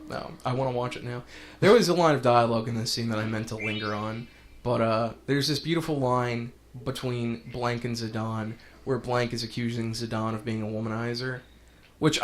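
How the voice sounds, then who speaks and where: A man commentating on a video game playthrough in a casual, rambling way, getting animated as he retells a story. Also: medium pitch, a little fast, slight background noise. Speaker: let's play commentator.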